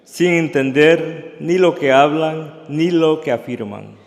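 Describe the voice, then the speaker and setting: Man reading scripture slowly, slightly high voice, echoey church. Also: vocal fry.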